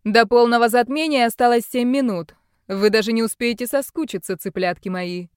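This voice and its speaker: A woman voicing a crazed male bandit leader who barks shrill commands in an audiobook. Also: expressive, a little slow, no room sound, clean studio sound, close to an everyday voice. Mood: gloating.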